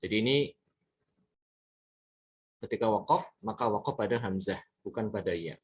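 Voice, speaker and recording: A man's voice: fairly low pitch, animated, moderate pace, husky. A man teaching Quran recitation rules in a lesson. He talks patiently, repeating words and examples and checking in with his listeners often. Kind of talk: tajwid lesson explaining examples.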